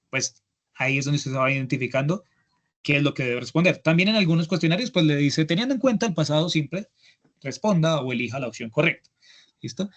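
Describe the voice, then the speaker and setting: A Colombian-accented man leads an online language class over a computer mic. His voice sits a little on the high side as he explains grammar step by step. He keeps checking in with the students as he goes. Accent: Colombian Spanish. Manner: explanatory, often checks in with "¿listo?". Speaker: English instructor. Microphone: computer mic on a video call.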